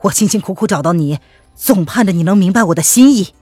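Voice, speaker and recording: Earnest stubborn young suitor, acted by a woman, urgent, pleading, slightly husky, dry sound. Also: low voice, unhurried, no echo, soft background music.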